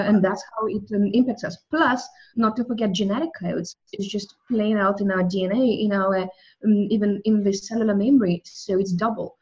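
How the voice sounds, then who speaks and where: On a muffled recording, a woman with a medium-pitched voice reflects on the soul. She is a Russian-speaking guest in a spiritual interview, thoughtful in manner, talking about soul and language and often restarting what she says.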